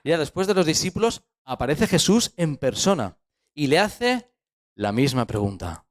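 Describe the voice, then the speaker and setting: A man with a Spanish accent from Spain preaches in a lively, expressive way, with a voice pitched a little high. He keeps asking rhetorical questions and voices the people in the story to make it vivid. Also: moderate pace. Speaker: pastor. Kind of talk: sermon. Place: church hall.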